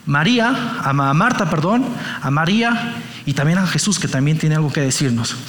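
A man's voice: on the high side, expressive, normal speed, fairly bright tone, echoey room. A man preaching a sermon to a live congregation, asking them questions and counting raised hands. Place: church hall with an audience.

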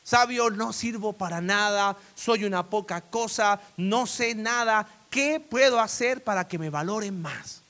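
A man's voice: a little high, quick pace, a bit bright. A man voicing a despairing young man who pleads that he is worthless. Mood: pleading. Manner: pleading, self-pitying.

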